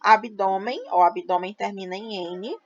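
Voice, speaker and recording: Woman teacher, middle pitch, patient and explanatory, slightly dull lo-fi recording. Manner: slow, patient explaining to students, spelling out syllables. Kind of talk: grammar lesson.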